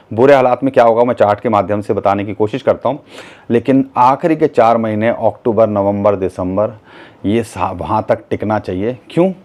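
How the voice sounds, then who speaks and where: A man's voice: fairly low pitch, darkish tone. A man with an Indian accent talking viewers through market charts in a conversational, direct way. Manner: conversational, addresses viewers directly, frequent restarts. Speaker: crypto market analyst. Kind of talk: chart analysis talk.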